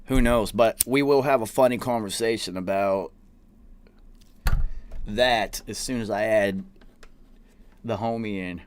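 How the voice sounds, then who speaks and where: A man's voice: lowish voice, unhurried, long pauses, clear, resonant tone. A middle-aged man with a West Virginia mountain accent chats casually as a host, in a slangy, profane, self-deprecating way. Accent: Appalachian West Virginia mountain accent. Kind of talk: casual chat.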